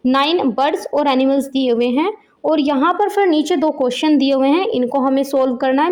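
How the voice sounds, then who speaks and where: A woman explaining a children's textbook lesson, repeating each word slowly and giving its meaning. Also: sits high, a little mellow. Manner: slow, word-by-word pronunciation drills with Hindi glosses. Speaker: teacher.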